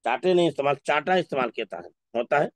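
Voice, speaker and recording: A man teaching an Urdu class, going through word lists slowly and repeating each word. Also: on the high side, animated, no echo. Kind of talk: classroom lesson.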